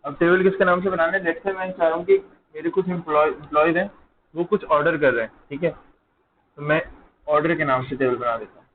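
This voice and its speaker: A male programming teacher gives a live lecture, talking his way through the code as he types and stopping to ask students questions. His voice is a little higher than most men's. It comes through a thin, phone-like line with a faint hiss behind it. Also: a little fast. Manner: talks while typing, checks in with students. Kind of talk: live online coding lecture. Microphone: close mic, dull over an online call. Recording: tinny call audio, faint noise.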